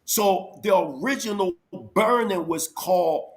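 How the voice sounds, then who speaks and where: A man's voice: high-pitched, measured pace. A man in his forties from Philadelphia, arguing his case in a heated debate, lecturing and insistently piling up examples. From Philadelphia, USA. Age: 40s.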